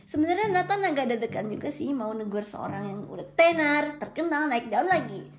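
Chatty high-voiced woman storyteller. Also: expressive, a little fast. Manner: chatty, rambling, self-correcting. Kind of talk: casual storytelling. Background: background music.

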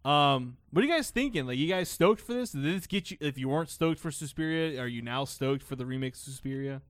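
A man in his twenties hosting a casual film podcast, excitable and full of swearing and filler words. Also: a little high, fairly quick, no echo, studio quality. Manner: excitable, swears a lot, lots of "like". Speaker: podcast host. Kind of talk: casual chat.

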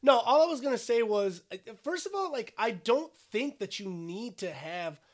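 Brief: high-pitched young male podcast co-host, opinionated, swears, casual banter. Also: animated. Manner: opinionated, swears freely, quick asides. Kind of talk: casual chat.

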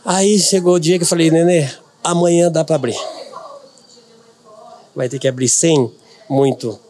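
A man's voice: fairly high pitch, fairly even intonation, unhurried, darkish tone. A middle-aged man from Brazil, a podcast guest, telling a personal story earnestly and repeating words for emphasis.

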